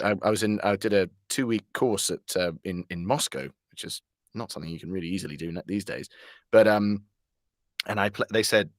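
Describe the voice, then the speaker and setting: A British voice actor tells anecdotes in a conversational interview, animated but halting and correcting himself as he goes. His lowish voice comes through at studio quality with no echo.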